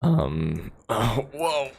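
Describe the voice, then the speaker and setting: Recorded indoors on a phone, a man from the United States hosts a loose, rambling livestream, laughing a lot as he responds to chat questions. His medium-pitched voice is husky with vocal fry.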